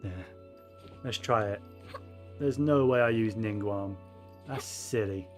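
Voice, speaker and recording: A game streamer gives casual live commentary on his gameplay, muttering and thinking aloud as he goes, over faint game music. His voice is on the low side and he takes it slowly.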